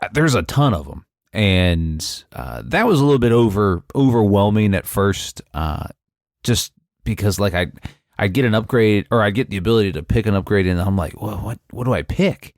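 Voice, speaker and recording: A man in a casual gaming discussion, speaking haltingly and searching for his words. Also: fairly low pitch, animated, no echo, studio quality.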